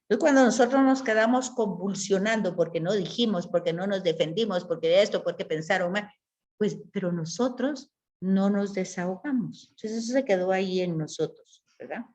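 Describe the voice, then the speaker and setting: A woman's voice: medium pitch, normal speed, a little mellow. A woman teaching a Bible class, explaining patiently and asking her students rhetorical questions. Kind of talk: class lecture.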